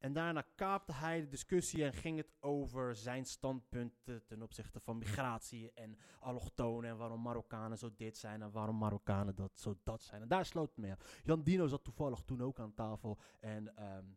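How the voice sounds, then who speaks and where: A man's voice: mid-range voice, normal speed, few pauses, a little mellow. A man giving an opinionated podcast monologue. He talks in a heated, emphatic way and keeps restarting his sentences. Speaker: podcast host.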